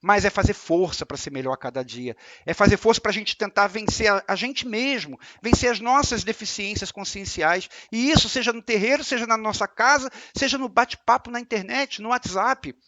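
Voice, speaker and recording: A man with a Brazilian Portuguese accent giving a spiritual lecture, explaining calmly and repeating his points with examples. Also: high voice, normal speed, hardly any pauses, dry recording. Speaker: religious lecturer.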